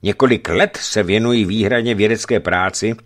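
A man's voice: on the low side, lightly acted. A man voicing an earnest young male geologist, a lovesick bachelor who talks in sighing, confiding tones.

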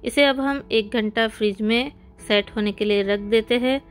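A woman's voice: a little high, moderate pace. A woman hosting a cooking channel, giving friendly step-by-step recipe instructions in a voice-over. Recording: soft background music.

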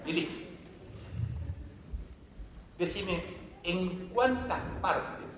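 A man's voice: high-pitched, drawn-out words, fairly bright tone, recorded from a distance, slight background noise. An older man from Argentina with a Rioplatense accent, rambling and joking his way through a stage sketch. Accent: Rioplatense Spanish. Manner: rambling, jokey, laughing at himself. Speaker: sketch comedian. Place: large theater stage. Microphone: far room mics. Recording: echoey theater hall from afar.

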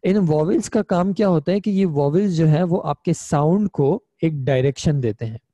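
A man's voice: a little high, normal speed, warm tone, no echo, muffled recording. A young man teaching an online Arabic grammar class, explaining patiently step by step and checking in with his students. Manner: patient, explains step by step, often asks "ठीक है?".

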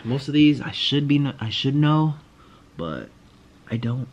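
A young adult male vlogger recaps his day in a laid-back, rambling, slangy way. He's in a small indoor walk-in closet, filmed on a phone camera close to his face, and his mid-range voice has lively intonation at a measured pace.

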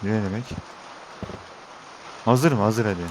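A man's voice: lowish voice, unhurried, darkish tone, slight background noise. A young Turkish man giving let's-play commentary, talking to his viewers and getting frustrated with the game. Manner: exasperated, talks to viewers as he plays. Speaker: gaming YouTuber.

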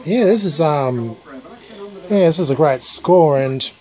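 An Australian man chatting casually and enthusiastically as a vlogger, with a halting delivery. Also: on the high side, expressive, dark tone. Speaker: YouTube vlogger. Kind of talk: casual chat over footage being filmed. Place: dim cluttered room at home, indoors. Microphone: handheld camera, held by the speaker. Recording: TV chatter behind the voice. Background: television playing old tape.

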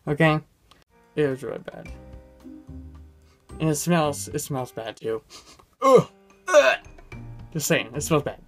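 A young adult man rambling casually in a vlog with a low-energy, goofy manner, recorded indoors close to the camera. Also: unhurried, pauses often, soft background music. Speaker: YouTuber. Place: indoors in a room. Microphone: camera close in front of him.

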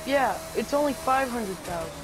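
A man's voice: very high voice, lively intonation, normal speed, background noise. A young man in a casual game chat who asks lots of questions and cracks dry jokes. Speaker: gamer in a party chat.

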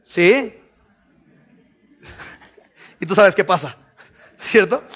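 High-voiced preacher quizzing listeners. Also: male voice, fairly bright tone, highs cut off. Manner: conversational, quizzes the audience with quick questions. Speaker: pastor. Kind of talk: sermon teaching.

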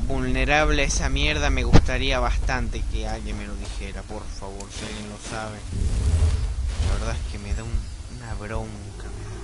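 A young man with an Argentine accent giving casual, profane let's-play commentary, yelping and shouting at the game. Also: medium pitch, very noisy. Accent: Argentine Spanish.

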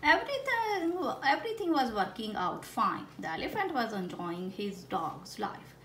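Sitting indoors at a wooden table with a frog puppet, a woman reads a picture book aloud to children, exaggerating the storytelling and adding playful asides. Her voice is medium-pitched, very animated and a bit bright, at a normal speed. The recording is a roomy home one with background noise.

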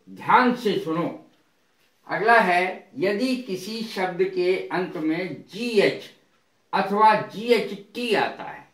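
A man teaching an English lesson, speaking deliberately and spelling words out letter by letter. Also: high voice, fairly bright tone, reverberant. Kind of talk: spoken language lesson.

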